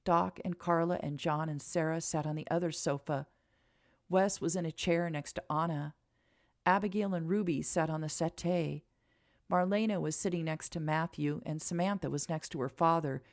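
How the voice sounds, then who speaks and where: Woman narrator, audiobook reading, calm and even, low voice, gravelly texture. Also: moderate pace, no room sound, clean studio sound.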